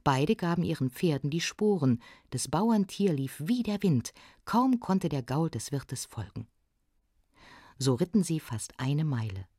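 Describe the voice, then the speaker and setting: A woman reading a folk legend aloud in an expressive storytelling voice. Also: low-pitched, unhurried, slightly rough, no room sound, studio quality. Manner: expressive, shifts voice for the characters.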